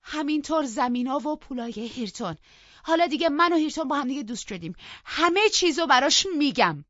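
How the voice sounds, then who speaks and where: A woman voicing a bold, defiant young woman who taunts and talks back loudly, in a dull lo-fi recording. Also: fairly low pitch, animated, slightly rough, no room sound, exaggerated voice.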